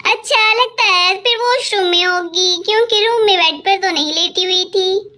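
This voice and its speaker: Woman doing a little girl doll, doll story, anxious, calling out, very high, bright. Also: normal speed. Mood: worried. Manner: worried calling out.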